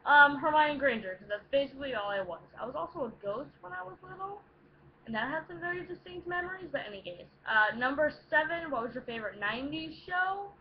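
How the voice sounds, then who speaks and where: A woman's voice: sits high, expressive, brisk. A young woman chatting casually to viewers in a tipsy, rowdy, playful, rambling way as she answers questions. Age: young adult. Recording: dull lo-fi home recording, faint noise.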